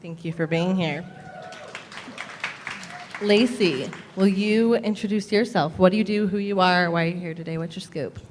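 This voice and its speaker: A woman's voice: lowish voice, normal speed, long pauses, some chatter behind, slight background noise. A woman hosting a live panel at an event, upbeat and emphatic, speaking into a handheld mic in a venue. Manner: upbeat, emphatic, repeats words for stress. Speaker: panel host. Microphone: handheld microphone. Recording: reverberant hall.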